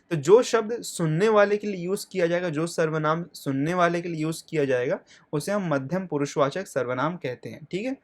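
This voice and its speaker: A male teacher talks through a grammar lesson in a slightly high voice. He puts questions to the class and answers them himself, and checks in often. He slows right down when he spells out lists of words.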